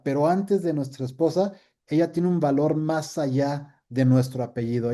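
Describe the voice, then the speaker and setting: Man, middle-aged pastor, casual Bible lesson, very mellow voice, fairly high pitch, chatty and playful. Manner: chatty, jokey, acts out little quoted scenes. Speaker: pastor teaching a class.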